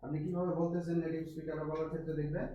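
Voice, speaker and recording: In a very echoey classroom with some noise, a man with a Bangladeshi accent teaches an English class, mixing Bengali and English and putting questions to his students. His fairly high voice is mellow, flat and very fast, with frequent restarts. It's lo-fi and picked up from a distance.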